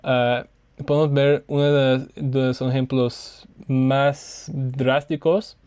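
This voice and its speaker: Guy w/ a giving a class slide talk, flat even voice, lots of ums and restarts. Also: medium pitch, takes it slowly, clean tone, dry recording. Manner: hesitant, many fillers and self-corrections. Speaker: student presenter.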